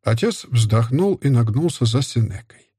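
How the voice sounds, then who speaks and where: A male narrator reads an audiobook in a steady, measured voice with a husky grain. His pitch sits in the middle of the range, and the dry, close recording leaves no room sound. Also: dry recording.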